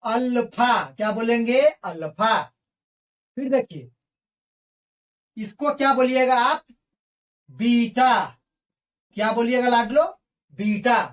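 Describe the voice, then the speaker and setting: A woman's voice: on the high side, slow pace, long pauses, far from the mic. A woman teacher giving an online math lesson, who drills her students with call-and-response questions and calls them her friends. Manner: addresses viewers as friends.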